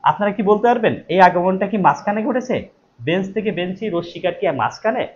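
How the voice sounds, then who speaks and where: A man teaches an exam-prep class via live stream, his voice high, expressive, and fairly quick. Each question gets repeated and then self-answered, with key words emphasized; the audio is dull, lo-fi, and faintly noisy.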